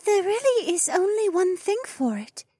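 A man voicing a mystical oryx augur woman who speaks in a hushed, foreboding way, in an audiobook reading. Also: extremely high pitch, very animated, moderate pace, no room sound, voice pushed up. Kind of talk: audiobook character voice.

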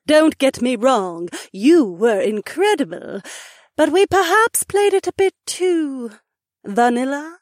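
A man's voice: very high voice, animated, takes it slowly, dry recording, clean studio sound, voice pushed up, exaggerated voice. A man voicing a flirtatious winged fairy queen who purrs and teases in a regal manner. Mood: teasing. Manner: purring, coy and teasing.

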